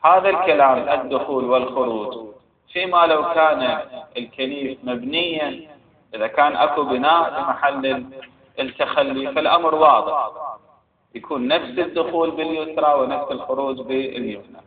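A man's voice: medium pitch, fairly quick. A man with an Iraqi accent giving a seminary lecture, reading passages aloud and explaining them with frequent hesitations. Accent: Iraqi Arabic. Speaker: religious studies teacher. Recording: phone-like echoey recording with crowd.

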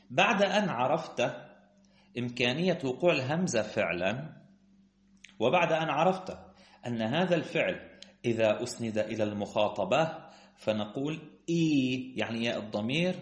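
Man lecturing, grammar teacher, reads text quotes, asks himself questions, roomy echo. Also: mid-range voice. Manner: explains step by step, rhetorical questions, reads quotes aloud.

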